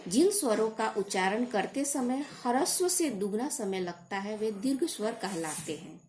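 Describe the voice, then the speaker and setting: A woman teacher giving a grammar lesson, explaining slowly and repeating definitions, sometimes correcting herself. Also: medium pitch, expressive, a little mellow, a little hiss or hum. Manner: slow, deliberate explanation with repetition; corrects herself mid-sentence.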